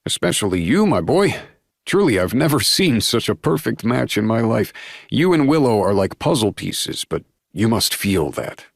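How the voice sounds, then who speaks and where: A man's voice: lowish voice, sing-song, moderate pace, creaky, no room sound, studio quality, pitched above the performer's own voice, full character voice. A man voicing a jovial, doting older werewolf pack leader in an audiobook, effusive and fond. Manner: warm, delighted, effusive. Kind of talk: audiobook character voice.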